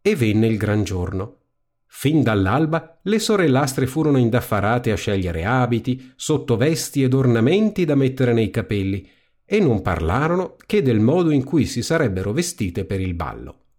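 A man reading a fairy tale aloud as storybook narration, in an expressive, lively manner. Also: medium pitch, normal speed.

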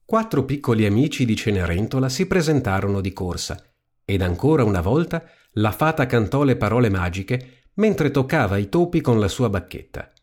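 A man reading a fairy tale aloud as storybook narration, in an expressive, lively manner. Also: medium pitch, normal speed.

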